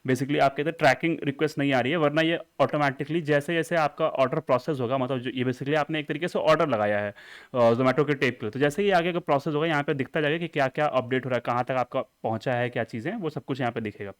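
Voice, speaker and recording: A man walking viewers through an app on screen, explaining each step and slowly reading the on-screen messages aloud. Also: mid-range voice. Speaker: app tutorial presenter. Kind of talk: screen-recorded app walkthrough.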